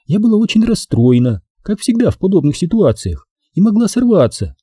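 A man's voice: high-pitched, sing-song, fairly quick, mellow, breathy edge, no echo, voice pushed up, heavily acted. A man voicing a glamorous, imperious female film star who talks sweetly but gives orders. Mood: coaxing sweet. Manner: sweetly cooing, commanding.

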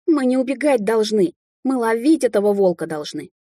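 An impatient young hero son, as a woman reader puts him on in a storybook. He talks in a raised, insistent voice, with a warm, husky grain to it. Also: fairly high pitch, expressive, normal speed, dry recording, clean studio sound, voice pushed up.

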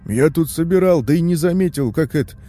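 A jittery old floor-dweller with a hoarse, cackling voice, mumbling in a folksy way, as a male reader puts him on. The voice sits high and sounds mellow and dark. Faint music plays underneath. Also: expressive, brisk. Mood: wheedling. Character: old male floor-dweller with a prosthetic leg, nervous, wheedling.

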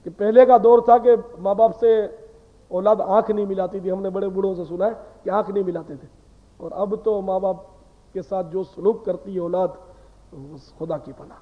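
A man's voice: high voice, little pitch movement. A man giving a sermon, talking in an earnest, conversational way that lectures and asks rhetorical questions. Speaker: preacher. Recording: tinny phone-like sound with long hall reverb.

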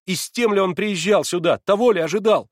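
A man's voice: on the high side, fairly quick, no echo, pitched above the performer's own voice, close to an everyday voice. Brief: male reader doing an eager young man, raised voice, fervent, dry audiobook sound. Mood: heated. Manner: heated, excitable, swearing oaths.

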